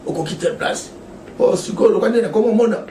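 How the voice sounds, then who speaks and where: A man's voice: high voice, fast talker, warm tone, a little hiss or hum. A man, speaking as a political guest in an impassioned, emphatic way and laughing often. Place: TV studio. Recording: echoey room from far off.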